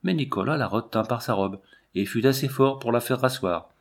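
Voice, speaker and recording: A man reading a classic novel aloud as an audiobook narrator, in a measured, even storytelling delivery. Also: medium pitch. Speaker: audiobook reader.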